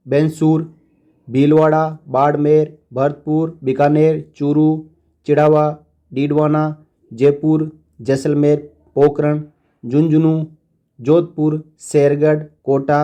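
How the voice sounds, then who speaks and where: A man with a fairly high, mellow voice reads out a long list of places. His delivery is very slow and steady, with short casual asides between the items. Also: highs cut off. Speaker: channel host.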